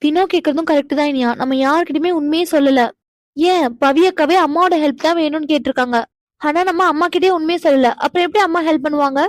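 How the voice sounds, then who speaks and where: A woman voices a nervous young woman in a cartoon who trips over her words and keeps pleading. Her voice is very high and quick, and it sounds dry, close and studio-clean. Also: no room sound, lightly acted. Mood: puzzled. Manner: stammering, jittery, pleading. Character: flustered young woman Preethi, nervous and stammering. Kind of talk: animated cartoon dialogue.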